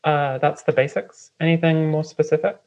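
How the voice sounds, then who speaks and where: A London-based writer and editor, appearing as a guest in a casual remote interview, explains ideas in a loose, meandering way packed with "um," "like," and light laughter. The voice is medium-pitched and darkish, delivered at a moderate pace on a muffled recording.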